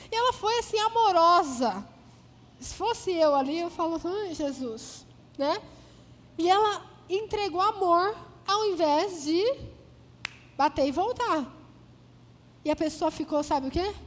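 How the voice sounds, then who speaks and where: A woman's voice: very high voice, long reverb tail. A woman from Paraná, Brazil, preaching a sermon and telling stories by acting out both sides of each exchange. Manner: storytelling, acting out dialogue.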